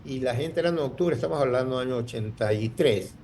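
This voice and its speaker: Speaking quickly in a mid-range, darkish voice, the guest entrepreneur describes his journey in an interview. A little hiss or hum runs underneath, and he keeps restarting and filling gaps as he rambles.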